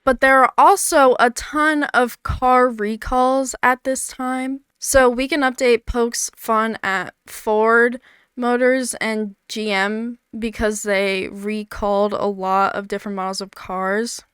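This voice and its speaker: A woman's voice: on the high side, steady tone, slow, a bit bright, clear, resonant tone, no room sound, clean studio sound. A woman with a slight lisp giving casual, blunt commentary on an old comedy show, full of "like". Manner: chatty, blunt, peppered with "like".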